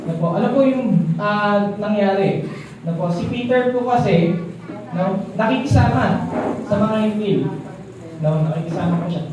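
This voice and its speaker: A man giving a chatty sermon to a congregation, often pausing to ask his listeners if they agree. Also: sits high, noisy background. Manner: keeps asking listeners for agreement, relaxed and chatty. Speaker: church leader teaching a congregation. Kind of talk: conversational sermon. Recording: echoey, distant mic in a hall.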